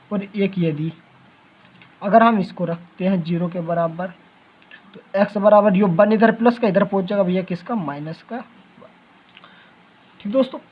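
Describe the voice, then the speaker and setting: In a muffled recording, a high-voiced male math teacher delivers a classroom-style lecture. He keeps putting questions to his students and then supplies the answers himself.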